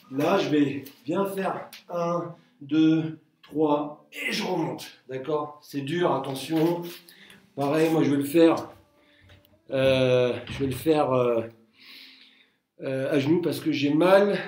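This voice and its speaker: Man, relaxed self-defense instructor, slow joking delivery, echoey room, distant camera. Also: on the high side, slight background noise. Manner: relaxed, joking, counts reps aloud. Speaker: Krav Maga instructor. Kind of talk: live online workout class.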